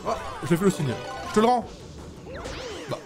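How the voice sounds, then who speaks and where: A man's voice: high-pitched, normal speed. A man giving casual, joking gameplay commentary as a let's play host, swearing freely. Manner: animated, jokey, swears freely. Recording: loud game music behind.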